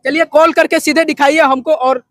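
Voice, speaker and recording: Male interviewer, strikingly high voice, close dry sound, informal prompting delivery that echoes back answers. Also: steady tone, moderate pace, fairly bright tone. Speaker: interviewer, video channel host.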